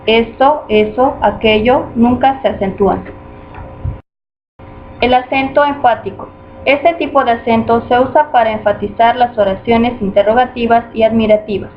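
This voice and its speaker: Woman reading a grammar lesson, muffled. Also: fairly high pitch. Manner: steady, measured reading of rules and examples. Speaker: student presenter. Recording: muffled lo-fi recording with faint noise.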